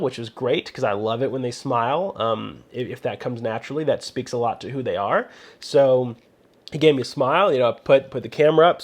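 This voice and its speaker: A man with a mid-range voice tells a relaxed photography story, rambling and chatty. He keeps dropping in "you know" as he goes, sounding like a host talking straight to his viewers. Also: medium pitch. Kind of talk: casual storytelling with photography tips.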